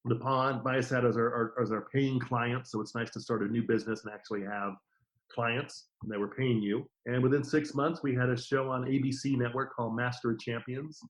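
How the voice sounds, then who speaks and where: A middle-aged man, a guest on a podcast, telling stories about his career in a casual, lively way and acting out the quotes. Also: medium pitch, fairly quick, poor audio. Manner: lively anecdotes with acted-out quotes. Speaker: podcast guest, TV formats distributor. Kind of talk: casual interview storytelling.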